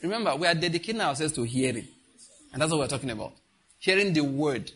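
A man's voice: on the high side, animated, fast talker, a crowd in the background. A middle-aged man preaching a sermon as pastor, emphatic, repeating key phrases and putting questions to the congregation.

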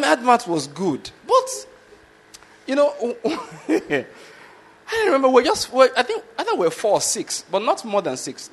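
With an extremely high, slightly bright, husky voice, a medical lecturer from Nigeria recounts a casual story in his Nigerian accent; Yoruba is his first language. He keeps chuckling and posing rhetorical questions, often "you understand my point?"

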